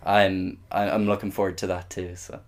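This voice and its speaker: A man's voice: low-pitched, flat delivery, moderate pace. A young man from Galway with a west of Ireland accent, chatting casually and a little hesitantly as a podcast guest. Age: young adult. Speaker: interview guest, exchange student.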